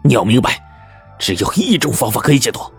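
A man's voice: mid-range voice, very animated, a little fast, gravelly, husky, soft background music, voice pushed up, heavily acted. A man playing a scheming intelligence chief. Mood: pleading. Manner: urgent, pleading then cold. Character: scheming male intelligence chief, middle-aged.

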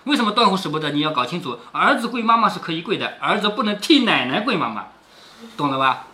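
A middle-aged man reads a classic novel aloud to his daughter, explaining it as he goes, voicing quoted dialogue, and often asking rhetorical questions. His high voice is sing-song, quick, pushed, and bright.

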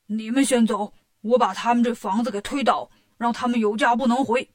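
A woman's voice: on the high side, fairly even intonation, a little fast, lightly acted. Woman putting on a whiny pig-man monk. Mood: fretful. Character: clumsy greedy pig-man disciple, whiny.

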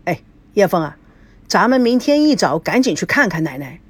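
A proud, blustery middle-aged businessman who lectures his family, put on by a woman narrating the story. The voice is breathy and swings up and down in pitch. It sounds dry and close. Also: sing-song, normal speed, no echo. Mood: stern. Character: stern wealthy middle-aged businessman father.

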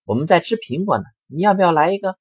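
A man's voice: high voice, animated, fast talker, husky, no room sound, studio quality, voice pushed up. A man voicing the clever, hard-working youngest of three little pig brothers in a storybook tale, speaking in a raised, confident voice.

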